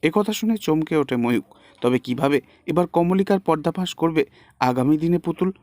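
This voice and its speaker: A man telling what happens next in a TV serial, reading it as brisk scripted narration. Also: expressive, mellow, no room sound. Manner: brisk storytelling, reads quoted lines with raised pitch.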